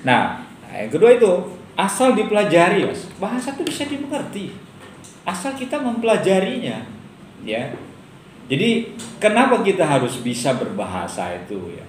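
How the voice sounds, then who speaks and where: A man's voice: high-pitched, wildly swooping pitch, normal speed. Middle-aged male lecturer, casual and joking, tosses rhetorical questions to the class; roomy room, faint noise. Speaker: university lecturer.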